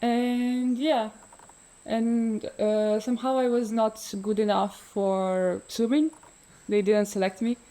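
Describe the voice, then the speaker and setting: A Ukrainian woman, probably in her thirties, appears as a freediver guest in a relaxed interview, her voice a little high and dark-toned with fairly even intonation. She speaks slowly and hesitantly, filling pauses and laughing often, and the audio quality is poor.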